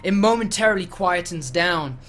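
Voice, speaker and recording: A man's voice: high voice, lively intonation, normal speed, fairly bright tone. A man narrating a tabletop game as game master, rambling through his descriptions.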